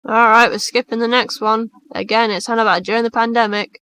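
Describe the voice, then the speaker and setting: A woman in her twenties chats bluntly and casually while reading posts aloud on a live stream. Her voice is bright and sits fairly high, and she swears without fuss. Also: steady tone, a little fast, clean tone, no echo. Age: 20s. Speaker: stream co-host.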